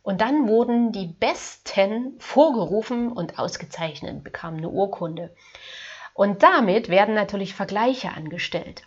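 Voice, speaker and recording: A woman life coach giving a gentle, earnest self-help talk straight to the viewer, addressing them formally. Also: mid-range voice, animated, unhurried, slightly rough, lo-fi sound.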